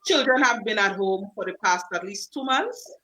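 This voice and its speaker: A woman's voice: mid-range voice, animated, moderate pace, a bit bright, rough recording. A woman hosting a radio talk show, chatty and easygoing, often restarting her sentences. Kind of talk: casual radio chat.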